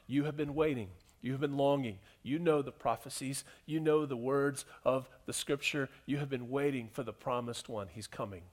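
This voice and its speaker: A male pastor preaching a sermon, moving from loud emphatic lines to soft hushed ones, repeating phrases and asking the listeners questions. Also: medium pitch, moderate pace, hardly any pauses.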